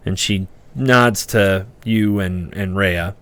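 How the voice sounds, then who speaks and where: Lowish-pitched man narrating a tabletop game. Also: fairly bright tone, clean tone. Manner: halting, conversational, descriptive. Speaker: game master.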